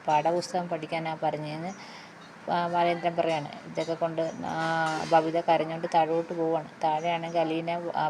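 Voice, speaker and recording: A woman's voice: deep voice, noisy background. A woman hosting a serial review, giving a casual, rambling episode recap full of fillers.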